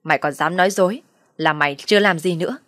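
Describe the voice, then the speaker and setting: A woman voicing an enraged middle-aged mother-in-law who hurls shrill, abusive insults in a low-pitched voice. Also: fast talker, a bit bright, no room sound, clean studio sound, natural voice. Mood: furious scolding.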